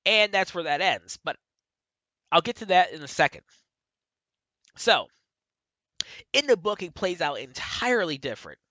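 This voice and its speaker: A man's voice: high-pitched, sing-song, moderate pace, long pauses, pushed and bright, no room sound. A man giving a casual spoken review, retelling events in a rambling way with many fillers and self-corrections. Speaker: book and TV reviewer.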